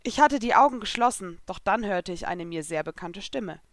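A woman reading first-person fan fiction aloud in a lively, expressive storytelling manner. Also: medium pitch, moderate pace, no room sound. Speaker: reader.

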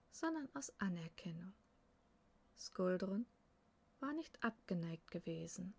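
A woman narrating a Viking story in a hushed, half-whispered storybook style. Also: medium pitch, vocal fry, breathy edge.

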